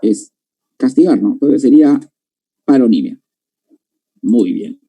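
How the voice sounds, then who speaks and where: A man's voice: mid-range voice, expressive, unhurried, warm tone, slightly rough, rough recording. A man teaching a grammar lesson to a class, explaining step by step and often checking that students follow.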